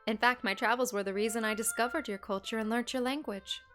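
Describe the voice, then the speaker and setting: A woman's voice: on the high side, steady tone, fast, a bit bright, close to an everyday voice. A woman voicing a courteous foreign woman, a former trader, reading her lines politely over faint game music.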